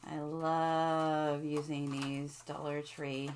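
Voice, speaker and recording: A woman's voice: deep voice, level tone, extremely slow, a little hiss or hum. A middle-aged woman hosting a casual crafting tutorial, chatting to her viewers and asking them questions as she works. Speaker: craft video host.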